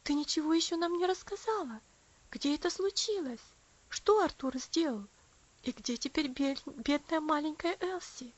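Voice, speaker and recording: A woman's voice: high-pitched, normal speed, pitched above the performer's own voice, lightly acted. A woman voicing a tender, concerned mother in an audiobook story. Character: gentle worried mother. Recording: dull lo-fi audio.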